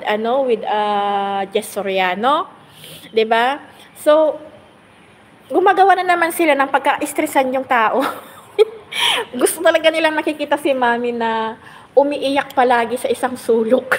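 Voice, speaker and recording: A woman's voice: high voice, long reverb tail, slight background noise. A woman chatting casually on a phone live stream, reading out viewer comments, laughing often and rambling with many fillers. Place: on the road, in a vehicle.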